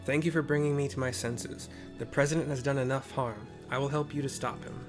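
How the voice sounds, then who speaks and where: Man voicing a remorseful champion fighter, measured and earnest, mid-pitched, game read-aloud. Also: steady tone, music in the background, close to an everyday voice. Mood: grave. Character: remorseful male champion wrestler, grave. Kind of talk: reading game dialogue aloud.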